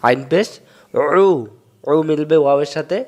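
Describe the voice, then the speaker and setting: A man from Bangladesh, teaching Quran reading step by step and drawing out sounds slowly to show them. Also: fairly high pitch. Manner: explains step by step, drawls sounds slowly to demonstrate. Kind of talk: recitation lesson.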